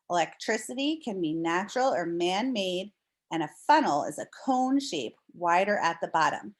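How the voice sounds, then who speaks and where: An American woman teacher reads a non-fiction book aloud to young children, explaining it deliberately and speaking straight to her listeners. Her voice is lowish.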